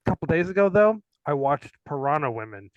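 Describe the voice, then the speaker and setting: A man's voice: a little high, very animated, a little fast, no echo, highs cut off. Rambling, slightly tipsy man chatting movies. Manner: rambling, laughing, swears casually. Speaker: livestream co-host. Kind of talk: casual chat about movies.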